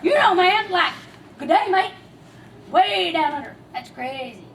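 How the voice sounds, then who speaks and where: Performing a live church skit, a woman uses a full character voice to play a laid-back, scatterbrained surfer dude who drawls slang like "man" and "crazy." Her voice is very high, expressive, and gravelly at a moderate pace, and the goofy bit is captured from a distance in a large hall, with audience noise and crowd sounds.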